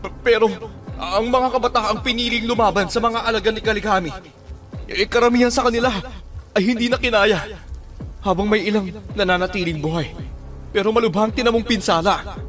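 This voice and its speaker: A man voicing a worried tribe elder in an audio drama, reporting losses gravely and hesitantly. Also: sits high, a little fast, fairly bright tone, soft background music.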